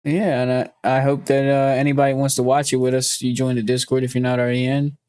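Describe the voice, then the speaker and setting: A man's voice: medium pitch, level tone, quick pace, darkish tone, dry recording. A man hosting a podcast in casual chat, loose and joking with plenty of swearing. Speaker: podcast host.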